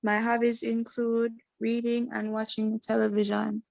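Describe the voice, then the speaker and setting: A woman's voice: on the high side, monotone, moderate pace, gravelly, a little mellow, no echo. A woman in her twenties reciting a short self-introduction as a quiz contestant. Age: 20s.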